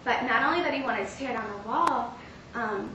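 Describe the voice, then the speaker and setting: Young woman, faith testimony, earnest and halting, slightly high voice, distant mic in a very echoey room. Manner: earnest, halting with frequent fillers. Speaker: speaker sharing a testimony. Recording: roomy, distant mic with clear background noise.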